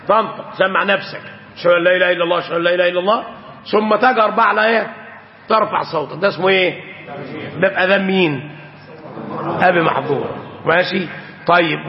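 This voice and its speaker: A man with an Egyptian accent teaching a religious lesson, repeatedly calling for attention and pausing so students can finish his sentences. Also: high voice, in a large hall, muffled recording. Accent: Egyptian Arabic. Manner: prompts students with fill-in questions and repeats 'pay attention'. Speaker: sheikh teaching Islamic jurisprudence.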